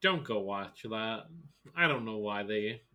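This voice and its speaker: A man's voice: lowish voice, animated, measured pace, sharp tone. A man co-hosting a podcast who reads a story aloud in first person and makes dry, teasing remarks. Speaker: podcast co-host.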